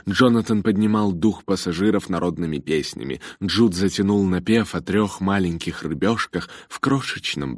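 A man narrating an audiobook in an expressive storytelling manner. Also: low-pitched, vocal fry, no echo, clean studio sound.

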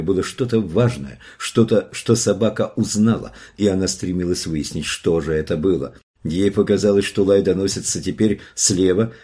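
A man reading a novel aloud as an audiobook narrator, telling a tense scene in a steady voice. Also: deep voice, slightly rough. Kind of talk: scripted narration.

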